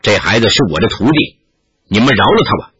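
A man voicing a calm, merciful older monk who speaks slowly and gently in a low voice, on a dull lo-fi recording. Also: breathy edge, dry recording, full character voice. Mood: gentle. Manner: slow, gentle, low-pitched pleading.

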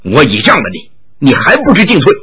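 Brief: coaxing, pushy middle-aged official, sly and insistent, voiced by a male narrator, bright tone. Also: on the high side, huge pitch swings, fairly quick, husky, full character voice. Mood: wheedling. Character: scheming middle-aged male official, wheedling then bullying.

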